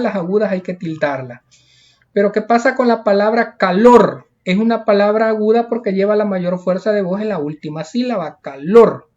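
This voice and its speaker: A man's voice: high-pitched, a little mellow. Patient male teacher, dull lo-fi audio. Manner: patient, explains step by step and repeats key points. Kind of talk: recorded classroom lesson. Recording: dull lo-fi recording.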